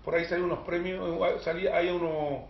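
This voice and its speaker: High-voiced Chilean man hosting a talk show. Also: fast, roomy sound, muffled recording. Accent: Chilean Spanish. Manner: animated, emphatic storyteller with jokes. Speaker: host. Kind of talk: casual studio chat.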